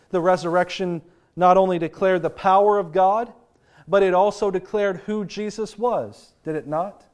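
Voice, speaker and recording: A man delivers a sermon, his voice a little high and congested, nasal from a sinus infection. He slows down to stress key phrases.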